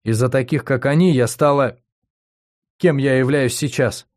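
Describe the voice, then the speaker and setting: A man's voice: medium pitch, normal speed, darkish tone, pitched above the performer's own voice, close to an everyday voice. A man reading an audiobook, voicing a cheerful but stubborn young woman patient in a raised, pleading voice. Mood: frightened, pleading.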